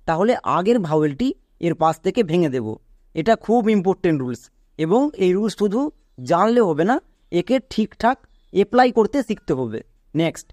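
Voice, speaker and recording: A man teaching an English reading lesson, patiently explaining rules step by step and spelling words out slowly letter by letter. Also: high voice, a little mellow, no room sound, studio quality. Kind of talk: online phonics lesson.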